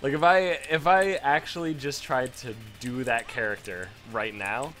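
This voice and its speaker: A man's voice: mid-range voice, moderate pace, fairly bright tone, faint music behind. A man doing casual, crude gameplay commentary, rambling between topics, his voice strained and failing.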